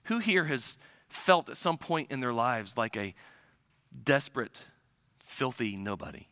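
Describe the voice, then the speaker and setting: A man preaching a sermon as pastor, earnest and emphatic, dropping to a hush for weight. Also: medium pitch, very animated, a little slow, smooth, no room sound, studio quality.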